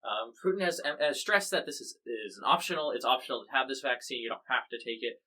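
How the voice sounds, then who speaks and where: A man's voice: mid-range voice, expressive, fast, bright, forceful tone, poor audio. An American man hosting a podcast, covering the news in casual, wry chat full of fillers and restarts. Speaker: podcast host.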